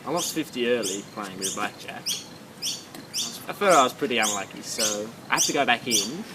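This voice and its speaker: A man's voice: medium pitch, expressive, normal speed. A man chatting easily about a day out, telling it like a casual story. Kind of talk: casual recap talk. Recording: clear background noise.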